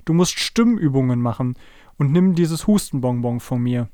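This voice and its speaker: A man's voice: mid-range voice, expressive, moderate pace, dark tone, dry recording, studio quality, natural voice. A man voicing a caring, worried young girl named Franzi. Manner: concerned, bossy.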